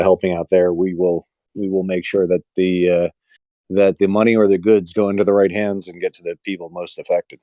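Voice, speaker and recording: Deep, mellow-voiced co-host man. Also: dry recording. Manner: hesitant, restarts often. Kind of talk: casual group call.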